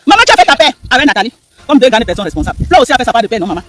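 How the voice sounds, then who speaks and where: Fast, high, bright-voiced man ranting. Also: sing-song, a little hiss or hum. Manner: emphatic, repetitive, rhetorical questions to viewers. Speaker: live stream commentator. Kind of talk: animated live stream commentary.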